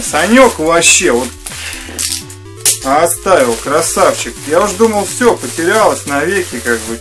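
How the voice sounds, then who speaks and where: A man in his thirties hosting a casual unboxing vlog in a small room, rambling in slangy, mildly sweary speech. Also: on the high side. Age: 30s. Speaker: host of a retro games channel. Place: small furnished room indoors.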